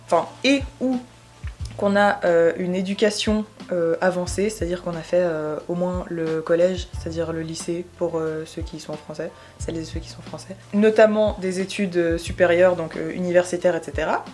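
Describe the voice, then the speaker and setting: A woman's voice: fairly low pitch, fairly even intonation, moderate pace, darkish tone, faint music behind. Hesitant young woman vlogging. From Switzerland. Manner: thoughtful, hesitant, many fillers. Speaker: YouTuber. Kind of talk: casual explainer vlog.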